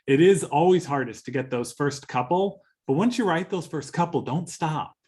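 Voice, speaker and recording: A man with a Californian accent giving a relaxed social media workshop, chatty and easygoing. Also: on the high side, moderate pace. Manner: chatty, laughs easily, restarts phrases. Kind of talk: casual workshop talk.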